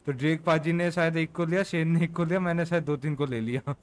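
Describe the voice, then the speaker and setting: A man's voice: a little high, fairly even intonation, brisk. A man in casual roleplay voice chat, telling a long story and swearing freely, with filler checks between beats. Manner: keeps saying "ठीक है" between beats.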